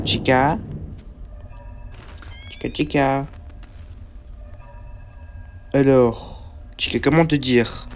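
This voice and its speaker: Jumpy young French gaming commentator. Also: male voice, mid-range voice, darkish tone, slight background noise. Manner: jumpy, rambling, swears and stammers when scared. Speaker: gaming YouTuber. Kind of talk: let's play commentary.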